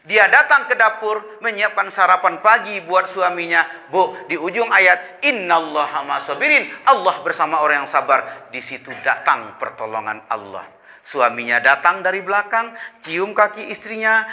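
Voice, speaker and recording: Male preacher, bright forceful voice, lively storytelling in a reverberant mosque hall. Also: sits high, normal speed. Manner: animated storytelling, acting out congregants' voices. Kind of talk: Ramadan sermon.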